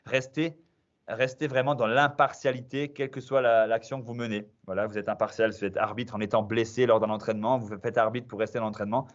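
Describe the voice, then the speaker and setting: A man hosts a quiz for young players over a video call. He talks energetically, and his voice leaps higher whenever he announces a question. The audio sounds a little dull and lo-fi. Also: a little fast. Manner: energetic, emphatic, pitch jumps up on questions. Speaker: quiz host and trainer. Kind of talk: online quiz session for youth players.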